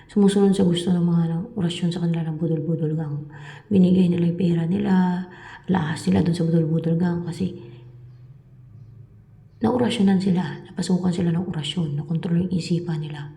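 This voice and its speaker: A woman with a low, gravelly, mellow voice talks to her viewers about spiritual matters. She meanders and repeats herself, sometimes sinking to a whisper. The room around her is echoey. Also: steady tone, brisk. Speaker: spiritual reader. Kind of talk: casual spiritual talk to viewers.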